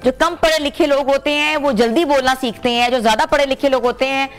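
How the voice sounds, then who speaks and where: A woman's voice: high voice, fairly even intonation, brisk, soft background music. A woman from Pakistan hosting a studio TV interview, attentive and asking questions. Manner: attentive, frequent short affirmations. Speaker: interview host.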